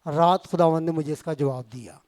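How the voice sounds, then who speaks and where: A man's voice: on the high side, a little mellow. A man from Pakistan, an evangelist preaching a sermon to his congregation in a church fellowship hall and slipping English and words into his talk. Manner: mixes Punjabi and English words into Urdu, addresses the congregation directly.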